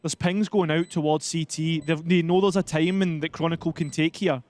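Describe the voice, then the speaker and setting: High-voiced man giving esports analysis. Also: fairly even intonation, normal speed, darkish tone. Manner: analytical, explains tactics and resources. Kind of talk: color commentary.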